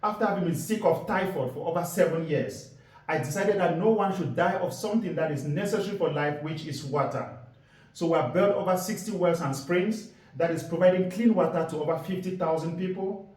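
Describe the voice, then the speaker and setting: A man gives an earnest presentation as an environmental activist, telling his story with deliberate emphasis. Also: fairly high pitch, a little mellow. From Cameroon. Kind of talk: public presentation talk. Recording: roomy sound from a distance.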